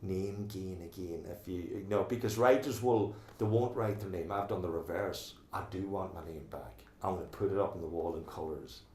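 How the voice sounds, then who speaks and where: A man's voice: low-pitched, moderate pace, hardly any pauses, warm tone, roomy sound. A middle-aged man from Donegal with an Irish accent, talking earnestly in an oral history interview and often restarting his sentences. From Ireland.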